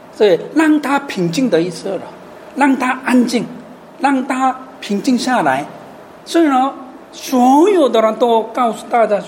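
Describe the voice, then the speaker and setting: Woman preacher, kinda high voice, bouncy, asks the crowd questions a lot. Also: a little hiss or hum. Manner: animated, asks rhetorical questions, mixes in English words. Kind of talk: sermon.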